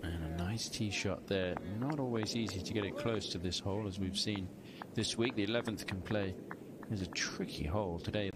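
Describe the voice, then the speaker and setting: A man's voice: lowish voice, moderate pace. A man giving live golf commentary as a broadcast commentator at a tournament. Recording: loud outdoor background noise.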